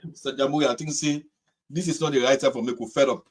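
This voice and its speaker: A man with a Sierra Leonean accent and a husky voice hosts an informal political discussion, speaking emphatically and repeating his phrases. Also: medium pitch, steady tone, quick pace. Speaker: host of a live political discussion. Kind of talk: informal political talk in Krio mixed with English.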